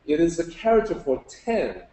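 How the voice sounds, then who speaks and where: On the high side and dark in tone, this man's voice makes huge pitch swings at normal speed. He's a teacher informally lecturing a group on Chinese characters, explaining patiently and asking questions, in an echoing live recording.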